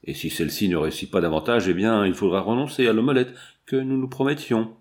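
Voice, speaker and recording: Man reading a mocking brigand chief: low, sneering, jeering. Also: fast, close to an everyday voice. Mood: taunting. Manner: sneering, facetious taunts. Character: mocking, cruel male bandit chief.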